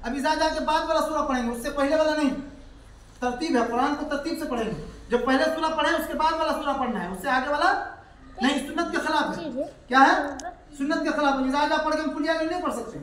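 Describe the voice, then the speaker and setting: A man teaching step by step how to pray, repeating points, asking his student questions, and chanting the prayers slowly. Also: extremely high pitch, fairly bright tone, slight background noise. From India. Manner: slow melodic chanting of prayers. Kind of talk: step-by-step prayer lesson with recitation. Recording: echoey room, voice from far off.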